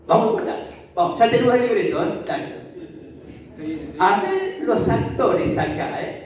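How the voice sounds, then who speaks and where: Animated pastor in an echoey church. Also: mid-range voice, measured pace. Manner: animated, acts out Bible scenes with asides to the congregation. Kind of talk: lively sermon. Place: church hall. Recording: echoey church hall from far off.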